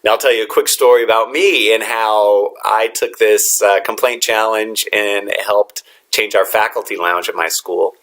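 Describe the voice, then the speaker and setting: A man's voice: fairly low pitch, normal speed, few pauses. A man who is a teacher, giving a motivational talk to fellow educators in an earnest storytelling manner. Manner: earnest storytelling with lively quoted dialogue.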